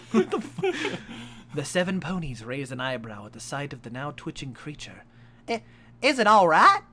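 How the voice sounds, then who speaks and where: A young man with a high-sounding, bright voice and a forceful tone reads a fan story aloud for his live stream. He turns it into a comic performance from his home streaming setup, full of cursing and laughing asides.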